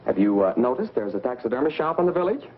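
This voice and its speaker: An American actor playing a brisk, sly newspaper reporter in a 1940s B-movie style. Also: male voice, medium pitch, sing-song, lightly acted. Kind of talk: 1940s B-movie film acting. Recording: muffled, noisy vintage film soundtrack.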